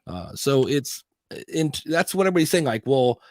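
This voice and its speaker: Very animated and fairly quick, this podcast host talks audio gear in a mid-range, slightly mellow voice. His casual tech chat rambles, with frequent restarts and self-quotes. Recorded on a studio dynamic mic, the sound is dry and clean.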